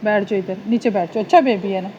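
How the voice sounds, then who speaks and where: A woman's voice: medium pitch, fast talker, dull audio, background noise. A Pakistani woman, a mother at home, coaxing her small child in affectionate, repetitive baby talk. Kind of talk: casual home vlog talking to her toddler. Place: indoors at home, fan running.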